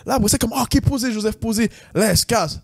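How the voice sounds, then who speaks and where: Fast-talking young Québécois man telling a story. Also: very high voice, gravelly, husky, dry recording. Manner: animated, mixes English slang into French. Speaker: podcast host. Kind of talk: casual storytelling.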